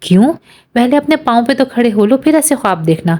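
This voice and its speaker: A playful middle-aged aunt scolds and teases in quick, hushing remarks, as a woman reads her aloud. The tone is mellow and soft, and slightly raised above the narration. It is an audiobook character reading. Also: a little high, lively intonation, voice pushed up. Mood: teasing scolding.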